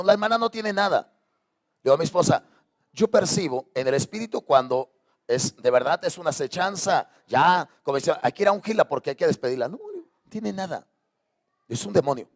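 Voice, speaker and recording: A man preaching a sermon as pastor, impassioned, throwing out repeated rhetorical questions to his congregation. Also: a little high. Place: church sanctuary.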